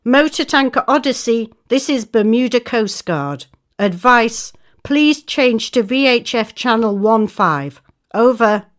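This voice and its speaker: A woman's voice: on the high side, lively intonation. A woman as a coast guard operator, making a formal scripted call over distant marine radio. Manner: slow, formal radio procedure phrasing.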